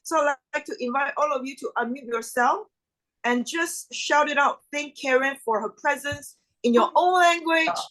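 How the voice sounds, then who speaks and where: A woman's voice: sits high, normal speed, a bit bright, low-quality recording. A woman hosting an online event over a video call, upbeat with formal announcer phrasing. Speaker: event host.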